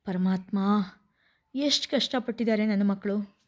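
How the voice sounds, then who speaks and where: A woman voicing a tender elderly grandmother who speaks slowly and gently. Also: medium pitch, close to an everyday voice.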